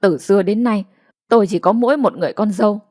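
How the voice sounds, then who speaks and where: Vai: một phụ nữ đọc bà mẹ quê già, chửi mắng dữ dội, giọng hơi cao hơn. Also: female voice, on the high side, fast, darkish tone, no room sound, studio quality, lightly acted. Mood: scolding. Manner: scolding and wailing. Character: grieving, fierce old village mother.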